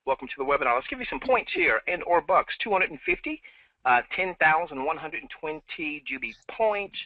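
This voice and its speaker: A man's voice: fairly high pitch, very animated, moderate pace, dry recording. A man hosting a live team webinar, upbeat and repeating himself, with many fillers, on a headset. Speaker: webinar host. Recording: dry, tinny phone-like line.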